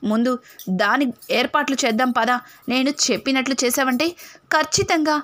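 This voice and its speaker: A woman reading as a scheming mother laying out a plot to her son. She speaks slow and calculating in a high voice. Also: fairly bright tone.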